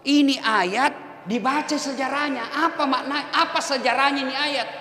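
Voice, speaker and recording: A man giving a humorous, teasing sermon to a crowd, emphatic and rousing, with shouted calls to the audience. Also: very high voice, normal speed. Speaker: preacher. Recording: echoey hall.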